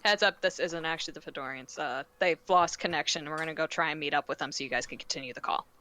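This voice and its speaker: A woman's voice: sits low, quick pace, sharp tone. A woman chatting casually as a player in a tabletop role-playing game.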